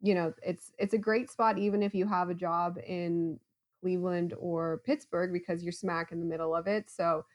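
A woman's voice: lowish voice, steady tone, normal speed. A woman, a guest chatting in a casual podcast interview, friendly and laughing often. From Ohio, USA. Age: 30s.

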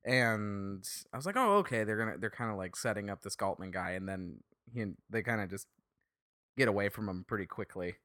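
A man's voice: fairly low pitch, animated, fairly quick, sharp tone, no room sound, studio quality. A man co-hosting a podcast, chatting easily about a TV episode with self-deprecating remarks. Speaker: podcast co-host. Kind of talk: casual review chat.

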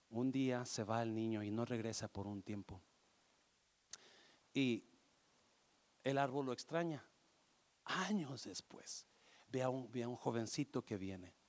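A man preaching a sermon and telling a parable, switching between Spanish and English, emphatic and sometimes hushed. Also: mid-range voice. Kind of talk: sermon storytelling.

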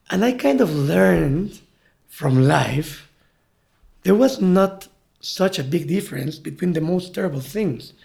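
A native Spanish speaker and guide from Mexico City, with a Mexican Spanish accent, talks reflectively in an interview, searching for words. His voice is on the high side, gravelly and a little mellow.

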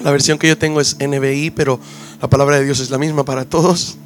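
A man's voice: mid-range voice, little pitch movement, quick pace, soft background music. A man preaching as pastor, reading scripture, praying and giving an emphatic sermon that repeats its key phrases.

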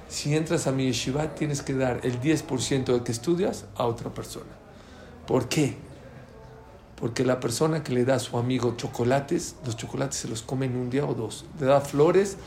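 A man's voice: mid-range voice, moderate pace, gravelly, a little mellow. A man giving a religious talk, emphatic and addressing his listeners with questions. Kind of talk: preaching talk. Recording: echoey room with faint background noise.

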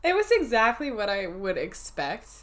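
Animated woman chatting about a show. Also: on the high side, moderate pace. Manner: animated, laughs often, acts out quotes. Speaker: podcast co-host. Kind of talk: casual chat.

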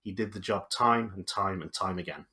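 A man's voice: sits low, moderate pace, sharp tone. A man co-hosting a sports podcast who argues his picks with statistics and firm emphasis. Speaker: podcast co-host. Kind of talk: casual sports chat.

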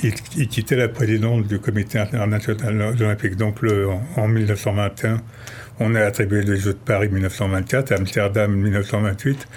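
Man, fairly low voice, radio guest, storytelling, restarts. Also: level tone, fairly quick, darkish tone, slight background noise. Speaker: guest speaker on history. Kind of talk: casual radio conversation.

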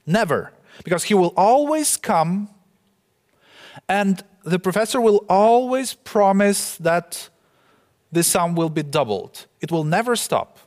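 A carefree old professor waves off his debts with airy ease, as a lecturer reads him aloud. The slow, slightly high voice echoes through a large hall. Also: lively intonation, a little mellow. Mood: breezy. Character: carefree, scheming old male professor in debt.

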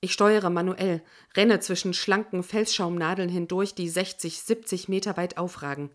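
Woman narrating an audiobook, slightly low. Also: fairly even intonation, moderate pace. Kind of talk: first-person scripted narration.

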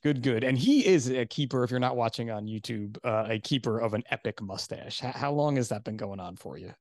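A man's voice: mid-range voice, expressive, fairly quick, darkish tone, dry recording. Rambling podcast host man, dry sound. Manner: rambling, self-deprecating, laughs often. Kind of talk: casual interview chat.

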